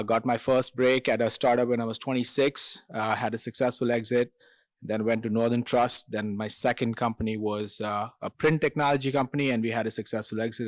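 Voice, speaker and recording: A man, speaking in a measured, logical way on a conference panel. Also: medium pitch, no room sound. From India. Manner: measured, logical, with light laughs. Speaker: founder and CEO, panelist. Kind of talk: panel discussion.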